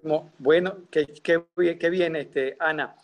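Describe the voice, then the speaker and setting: A man's voice: fairly high pitch, fairly even intonation, takes it slowly. A middle-aged man moderating an informal online forum, speaking hesitantly and groping for words. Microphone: earbud headset on a video call.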